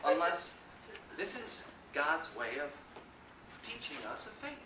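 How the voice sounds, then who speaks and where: An actor playing a deluded, indignant starship captain in a theatrical comic stage monologue, grandiose and halting, with dramatic pauses. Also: male voice, a little high, big pitch swings, exaggerated voice. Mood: impassioned. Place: indoor stage performance. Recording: roomy, distant mic, noisy stage recording.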